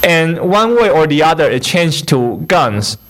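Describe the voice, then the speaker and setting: A young man from Taiwan with a Taiwanese accent sharing his personal testimony at a church service, halting with fillers and restarts and a touch of humor. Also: fairly high pitch, very animated, fairly bright tone. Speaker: guest speaker.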